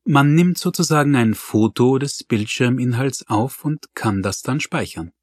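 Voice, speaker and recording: Sharp-tongued wife, male narrator voicing her; dry, close. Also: medium pitch, animated, measured pace, no room sound, voice pushed up. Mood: pointed. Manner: slightly pointed. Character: sharp-tongued wife, middle-aged woman.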